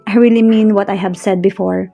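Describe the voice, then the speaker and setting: A woman voicing an earnest young man who speaks slowly and softly to the woman he loves. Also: medium pitch, steady tone, vocal fry, faint music behind. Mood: tender. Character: tender, earnest young man courting his love.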